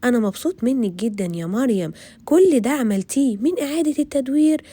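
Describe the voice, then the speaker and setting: Pleased Egyptian father, voiced by a woman, admiring, mellow. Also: fairly high pitch, lively intonation, fast, husky, no echo.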